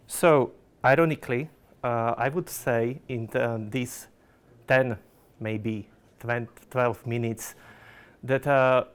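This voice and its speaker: A Slovak product manager gives a conference presentation in a medium-pitched voice. His non-native phrasing is careful but full of fillers and restarts.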